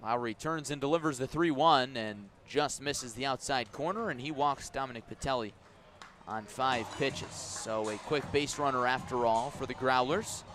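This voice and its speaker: Calling a baseball game on the radio, this man keeps his commentary clearly structured while chatting and telling stories between pitches. His pace is moderate and his tone fairly bright.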